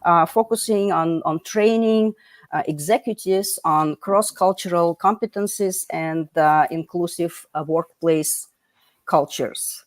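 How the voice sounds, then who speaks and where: A woman's voice: fairly low pitch, a little slow, dry recording. A woman hosting a livestream panel over a video call, chatty, with many fillers and restarts. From United States. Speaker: livestream host.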